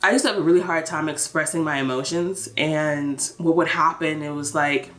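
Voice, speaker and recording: A vlogger, thirty and American, chats frankly about her life in a casual catch-up, phrasing things emphatically and conversationally. Her low voice carries a fairly bright tone, fairly even intonation and a moderate pace.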